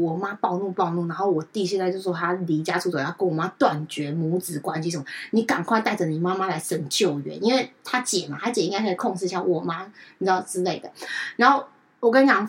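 Lady chatting fast, doing everyone's voices in her story. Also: far from the mic. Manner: animated, acts out family members' lines with big pitch jumps. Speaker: podcast co-host. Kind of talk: casual storytelling chat.

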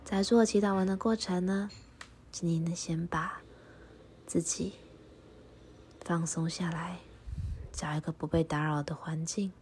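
A woman leading a guided meditation and prayer, speaking softly and calmly, often in a half-whisper. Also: sits low, slight background noise. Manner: soft, breathy, often half-whispered delivery; slow, calm, instructive.

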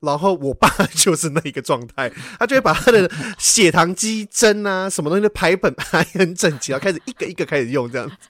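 A man's voice: high-pitched, animated, fast talker, hardly any pauses, a bit bright, dry recording. A man, co-hosting a podcast and telling a story in casual chat, stumbling and repeating words when he gets worked up. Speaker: podcast co-host.

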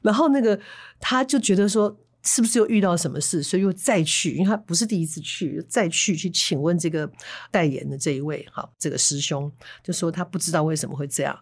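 Lively woman storyteller. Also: lowish voice, fairly quick, husky. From Taiwan. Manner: chatty, animated storytelling with Hokkien asides. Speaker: podcast host. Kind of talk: storytelling podcast.

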